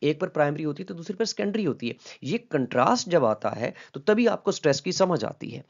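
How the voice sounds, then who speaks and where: A man's voice: a little high, big pitch swings, a little fast, gravelly. Patient man lecturing on linguistics. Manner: patient, repeats key terms, checks in with "ठीक है?"; mixes English terms into Hindi-Urdu speech. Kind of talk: explanatory lecture. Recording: slightly dull lo-fi audio.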